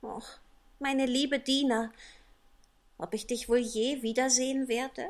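Man doing a polite curious little girl, high storybook voice, slow and earnest, dry recording. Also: little pitch movement, exaggerated voice. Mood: wistful. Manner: polite and eager. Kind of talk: audiobook character voice.

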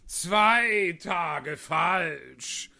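A man voicing an excitable, grumbling hatter in a storybook reading, loud and emphatic. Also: a little high, slow, creaky, no echo, pitched above the performer's own voice, full character voice.

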